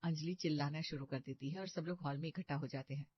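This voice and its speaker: A woman narrating a cartoon story in a low, even tone. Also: fast talker, slightly rough, no echo. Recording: dull lo-fi dry recording.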